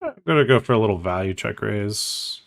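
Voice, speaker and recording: A man's voice: on the low side, animated, a little fast, gravelly. A man streaming online poker, thinking aloud in casual, self-mocking commentary and swearing freely.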